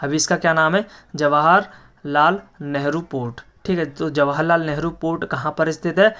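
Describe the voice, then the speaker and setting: A man's voice: on the high side, fairly even intonation, moderate pace, fairly bright tone. A man teaching an exam-prep geography lesson, who asks each question and answers it himself, repeating facts with frequent hesitations.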